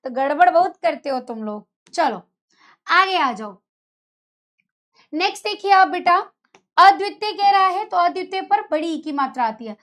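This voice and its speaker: A woman's voice: very high-pitched, expressive, moderate pace, long pauses, fairly bright tone. A young woman teaching a Hindi lesson to school students in a chatty, teasing way, often scolding them fondly as children. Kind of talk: online exam-prep lecture.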